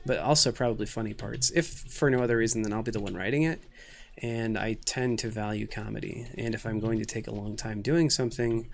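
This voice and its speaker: A man's voice: fairly low pitch, brisk, vocal fry, slight background noise. A man of thirty streaming a game, chatting with viewers in a rambling, self-mocking, jokey way, tired and a little loopy from too little sleep and too much caffeine. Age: 30s. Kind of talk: casual live-stream commentary.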